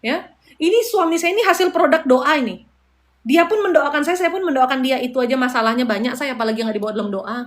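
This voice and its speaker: A woman with a Balinese accent talks like a live-stream host giving spiritual advice, her voice sitting a little high. She keeps a chatty, casual tone and slips playful asides in between her points on prayer. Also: fast. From Bali, Indonesia.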